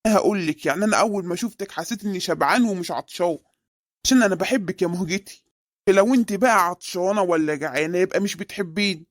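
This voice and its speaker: In a studio-quality recording with no echo, a woman uses her natural, lowish voice at a fast clip. She voices a scheming, married, middle-aged man in a comic cartoon who sweet-talks evasively in an Egyptian Arabic accent.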